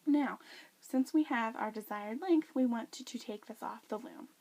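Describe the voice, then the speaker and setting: A woman's voice: on the high side, moderate pace, dark tone. A woman practicing a demonstration speech, explaining each step informally and repeating instructions as she works. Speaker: craft demonstrator.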